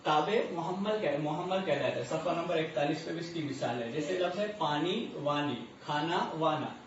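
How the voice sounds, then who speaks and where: A man's voice: a little high, slight background noise. Man teaching grammar in an echoey room. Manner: repeats terms slowly, asks and answers his own questions. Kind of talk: grammar lesson. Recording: muffled echoey distant recording.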